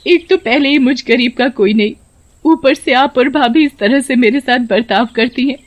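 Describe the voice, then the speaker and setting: A woman's voice: sits high, moderate pace, pitched above the performer's own voice, natural voice. A woman voicing a poor, mistreated young village bride who pleads and weeps. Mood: pleading. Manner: pleading, weepy. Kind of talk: storybook voice acting.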